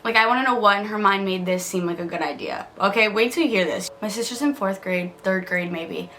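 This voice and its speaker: A woman's voice: medium pitch, brisk, pushed and bright, slight background noise. A young woman vlogger telling a spooky story in a casual, rambling way, often giggling and saying "like.".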